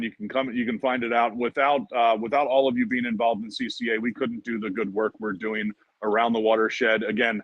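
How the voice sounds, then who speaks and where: A man's voice: medium pitch, a bit bright, no echo. A man, director of a fishing conservation group, giving an upbeat promotional update with frequent "uh" fillers, recorded at a marina. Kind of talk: monthly video update. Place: outdoors at a marina.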